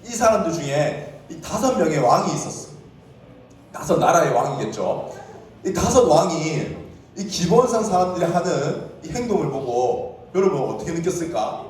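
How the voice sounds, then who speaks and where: A young man preaching a lively sermon to children, asking them questions and acting out the characters' words. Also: a little high, normal speed, slight background noise. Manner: animated, asks the children questions and acts out quotes. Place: church hall with children. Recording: echoey church hall, mic at a distance.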